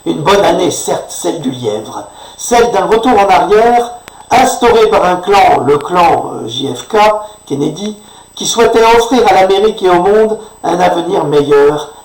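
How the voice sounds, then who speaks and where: Man, higher-pitched voice, indignant sarcastic rant, echoey distant recording. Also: animated, moderate pace, a little mellow. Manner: indignant, sarcastic, frequent tag "hein". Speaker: commentator. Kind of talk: political rant monologue. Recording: echoey room, voice far from mic.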